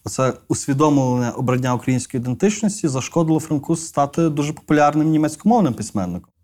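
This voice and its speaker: A man's voice: on the high side, fast, darkish tone. Guy hosting an interview, chatty, keeps jumping in to finish the guest's sentences. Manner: chatty, often echoes and finishes the guest's phrases. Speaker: interviewer host. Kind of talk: conversational interview questions.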